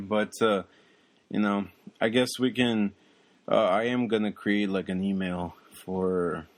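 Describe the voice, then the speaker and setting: Low-voiced rambling podcast guy. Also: takes it slowly, no echo. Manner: rambling, with many ums and uhs. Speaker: podcast co-host. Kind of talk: casual chat.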